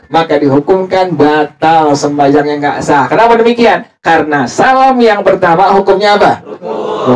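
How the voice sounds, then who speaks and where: High-voiced man drilling a study group. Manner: drilling, repeats points and quizzes the listeners. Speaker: religious teacher. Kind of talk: teaching prayer practice to a study group. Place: evening religious study gathering. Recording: distant mic with a group audible.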